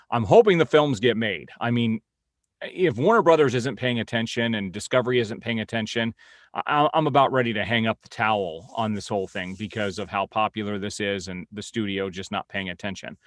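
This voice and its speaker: A man hosts a comic-book film news vlog, giving an informal news update and opinion piece in a blunt, opinionated way. His mid-range voice is a bit bright, and the studio-quality recording has no echo.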